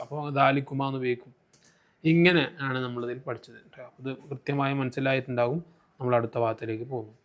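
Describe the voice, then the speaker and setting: A man teaching Arabic grammar in a recorded lesson, slowing down to spell out terms and repeating key points. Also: mid-range voice.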